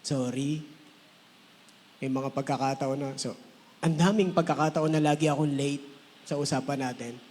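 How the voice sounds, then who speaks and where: A man preaching a sermon in a relaxed, conversational way, now and then acting out the voices of the people he quotes. His voice sits fairly high. The room gives it a long, ringing reverb. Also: moderate pace, long pauses, slight background noise. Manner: conversational, mixes English phrases, acts out quoted voices. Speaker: pastor.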